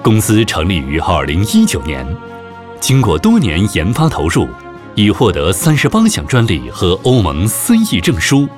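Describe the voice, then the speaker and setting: A man reading a scripted corporate promotional voice-over in a formal, steady announcer manner. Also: on the low side, moderate pace. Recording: voice-over with background music.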